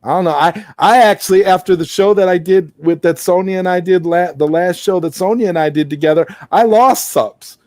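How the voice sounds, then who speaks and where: Speaking into a headset on a casual late-night live stream, a male host talks briskly in a high voice with a darkish tone and few pauses. He rambles, repeating words and restarting sentences often, and the sound is clean studio quality with no echo.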